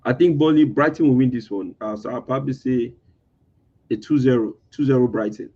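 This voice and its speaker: A man hosting a casual football chat in a tinny voice with no bass, hesitant and full of fillers and restarts. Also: brisk, warm tone, slightly rough. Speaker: podcast host. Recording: thin lo-fi audio lacking bass.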